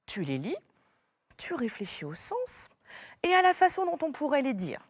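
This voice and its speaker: A woman teacher talks a young child through a remote lesson, patient and encouraging. Her voice sits a little high and moves a lot in pitch, and she takes her time. The recording is close and dry. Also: wildly swooping pitch, normal speed, no room sound. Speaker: primary school teacher.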